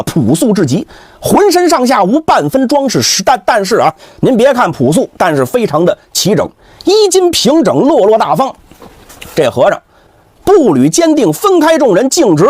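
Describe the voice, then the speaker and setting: A man performing traditional Chinese storytelling in a dramatic, animated way. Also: high voice, slightly rough, no echo. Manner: dramatic, animated, with vivid sound words.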